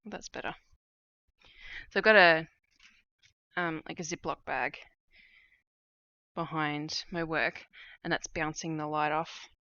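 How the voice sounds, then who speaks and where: A woman with a low voice chats on a live stream while stitching at home at night, heard in a muffled recording with no room sound. Relaxed and unhurried, she thinks aloud with plenty of fillers, and her voice is starting to wear out.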